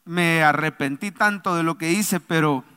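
A man preaching a sermon as a pastor to a congregation, swinging between quiet, intimate passages and loud, urgent calls. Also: fairly high pitch, moderate pace, clean tone, long reverb tail. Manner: preaching to a congregation, rising and falling from soft to loud. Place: church.

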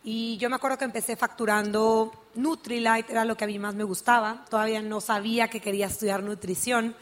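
A woman's voice: fairly high pitch, flat delivery, a little fast. A young woman tells her personal story to an audience at a business event, speaking earnestly and often saying "pues". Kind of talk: personal story told on stage.

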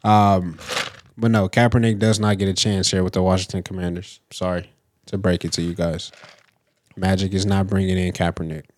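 A man's voice: low-pitched, flat delivery, normal speed, darkish tone, a little hiss or hum. A man co-hosting a casual sports chat in a slangy, conversational way. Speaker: podcast co-host.

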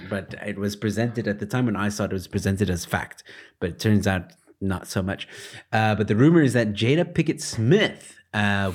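A man co-hosting a podcast, chatting casually and joking, with many fillers and restarts. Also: fairly low pitch. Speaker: podcast co-host.

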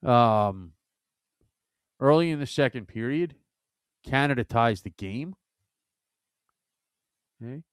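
A man giving hockey analysis on a talk show, sounding exasperated and animated, with stammering restarts. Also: mid-range voice, slow, pauses often, clean tone, dry recording, studio quality. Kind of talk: casual sports chat.

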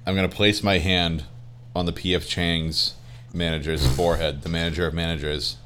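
A man's voice: deep voice, level tone, normal speed, noisy background. A man playing a tabletop game, blunt and joking as he declares his moves. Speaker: player.

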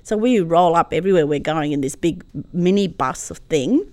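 A middle-aged woman with an Australian accent, a guest telling a personal story in an animated, warm way. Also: fairly low pitch, brisk, no room sound.

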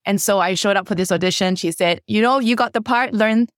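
A woman in her thirties from Singapore, a worship leader telling her story in a podcast interview with many fillers and animated jumps in pitch. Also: brisk, no room sound, studio quality.

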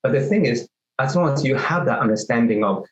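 A man's voice: mid-range voice, lively intonation, fairly quick, crowd noise. A man working as a feng shui consultant, explaining patiently in an interview and often checking in with the listener. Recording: echoey room.

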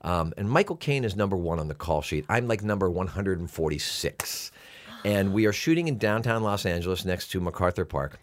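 A man in his fifties, an actor appearing as a guest, telling animated stories in a casual interview. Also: low-pitched, brisk. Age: 50s. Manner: animated storyteller, lots of fillers and restarts.

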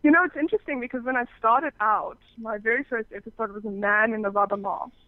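Speaking fast in a slightly high voice, this woman from South Africa chats casually and candidly as an interview guest about working as a phone sex operator, frequently starting over. There's no echo, though the sound is muffled and phone-like.

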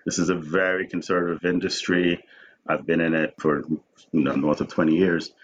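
A man in his forties, originally from Jamaica, talks as an interview guest with a very low, deep voice. He is reflective and stumbles over repeated words as he begins his thoughts. The recording sounds dull and lo-fi. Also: level tone, normal speed, a little hiss or hum. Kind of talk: conversational interview.

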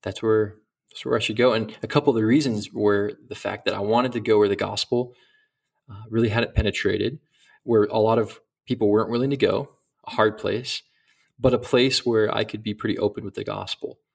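A man's voice: fairly low pitch, fairly even intonation, fairly quick, creaky. A middle-aged man speaking as a missionary guest in an interview, earnest and reflective, often restarting his sentences. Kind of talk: casual interview talk.

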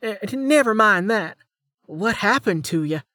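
A man voicing a nervous young woman police officer who reads truth, high and stammering. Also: lively intonation, measured pace, bright, forceful tone, dry recording, clean studio sound, full character voice. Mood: startled.

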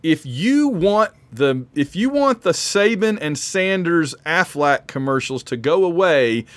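A man's voice: on the high side, no echo. A man hosting a sports talk show, joking and riffing in a casual way. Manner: animated, joking, quick asides. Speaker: podcast host.

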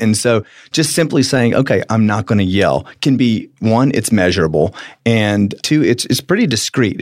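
In a radio studio, an earnest middle-aged man co-hosts a relaxed talk show, laughing easily and restarting sentences often. His voice is lowish and the recording dry.

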